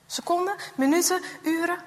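A woman with a very high voice tells a children's story with lively, dramatic expression. She sinks to a whisper at tense moments, and her voice rings out in a long reverb. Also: normal speed.

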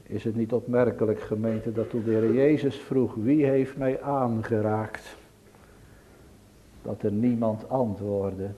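Man, pastor, sermon, slow, mellow dark voice, solemn, pleading, church. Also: on the low side, fairly even intonation, slight background noise. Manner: solemn, pleading, swells to loud emphatic peaks.

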